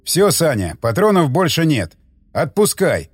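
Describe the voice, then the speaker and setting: A man's voice: fairly high pitch, very animated, unhurried, husky, dry recording, full character voice. Man reading as a blunt, crude soldier. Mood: urgent.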